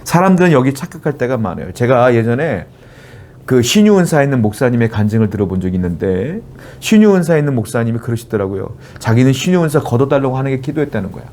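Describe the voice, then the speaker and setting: A man's voice: mid-range voice, big pitch swings, fast, darkish tone. A middle-aged man preaching a sermon as a pastor, earnest and at times emphatic as he exhorts his congregation.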